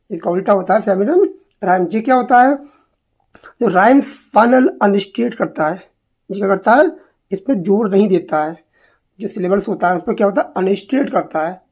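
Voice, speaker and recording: A woman's voice: mid-range voice, darkish tone, slightly rough. A woman teaching literary terms for an exam, asking questions and answering them herself, repeating each term. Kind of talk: exam-prep literature lesson in Hindi-English mix.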